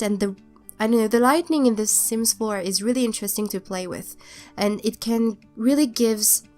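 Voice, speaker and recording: In this speed-build voiceover, a young adult YouTuber talks in a slightly high, somewhat mellow voice that sounds congested from a cold. English isn't her first language, and her chatty narration wanders, falters and keeps starting over.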